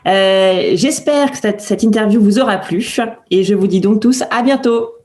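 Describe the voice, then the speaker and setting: A woman's voice: medium pitch, normal speed, darkish tone. Polite woman interviewer. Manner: polite, asks questions. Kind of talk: hospital interview.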